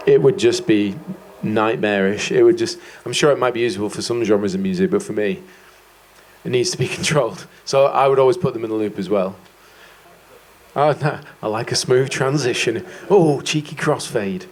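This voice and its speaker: A man's voice: on the low side, a little fast. A man giving a guitar masterclass, talking casually and rambling a little, with self-deprecating jokes. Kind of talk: casual explanatory chat.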